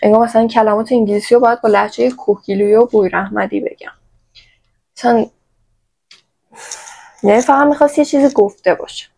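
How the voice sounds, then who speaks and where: A woman's voice: a little high, steady tone, gravelly, long pauses, mellow, rough recording. A woman from Iran chatting playfully to her viewers in a casual shopping haul vlog, recorded on her own microphone. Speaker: vlogger.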